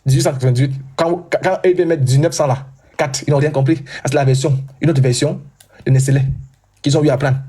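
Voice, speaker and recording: Brief: husky, fairly high male voice, loud insistent live debater who repeats points. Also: fairly even intonation, brisk. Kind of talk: heated live religious debate.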